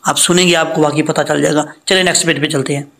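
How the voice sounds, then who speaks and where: A man teaching recitation rules patiently, step by step, and chanting slow examples. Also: fairly high pitch, steady tone, gravelly, fairly bright tone. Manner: patient, explains step by step, then chants slowly. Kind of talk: tajweed lesson with recited examples.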